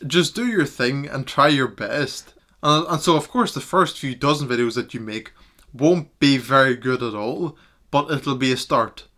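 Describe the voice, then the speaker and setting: Young man, mid-pitched, steady earnest to-camera vlogger. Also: normal speed. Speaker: self-improvement YouTuber. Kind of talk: reflective talking-head vlog.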